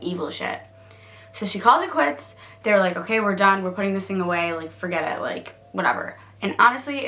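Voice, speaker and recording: Giggly young woman vlogger, bright voice. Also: mid-range voice. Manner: giggly, rambling with lots of "like". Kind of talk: casual story time.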